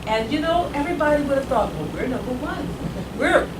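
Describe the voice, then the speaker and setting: At a community meeting, a grandmother in her sixties tells a rambling personal story and grows more emphatic and forceful as she goes. Her voice sits high, very animated and brisk, captured far from the mic in an echoey meeting room with loud noise.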